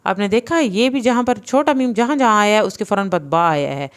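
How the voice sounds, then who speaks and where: With lively intonation and a clean tone in her mid-range voice, a woman teaches Quran reading in a recorded lesson. She spells syllables slowly and blends them, switching to quicker, plain rule explanations in between.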